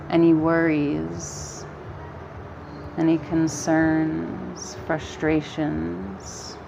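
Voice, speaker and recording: A woman guiding a yoga nidra relaxation in a calm, soothing, gentle manner with long pauses between phrases. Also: low-pitched, gravelly, noisy background. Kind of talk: guided relaxation meditation.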